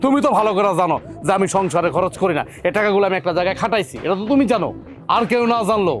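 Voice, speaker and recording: An indignant young husband with a colloquial Bangladeshi Bengali accent, scolding in a fairly high voice. He talks fast, and soft music plays underneath. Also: expressive. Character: angry young husband defending his mother. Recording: with faint background music.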